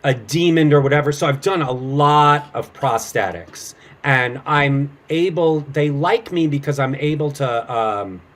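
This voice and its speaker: A middle-aged man, an actor and improv comedian, chats casually as an interview guest, telling anecdotes informally and acting out snippets of dialogue. His voice sits on the high side with a fairly bright tone, and he speaks unhurriedly with hardly any pauses.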